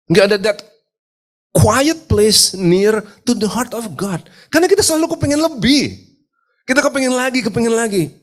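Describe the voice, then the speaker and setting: A man preaching a sermon at a live church service, his voice nasal from a cold, with an emphatic delivery. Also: sits high. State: stuffy nose from a cold. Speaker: pastor.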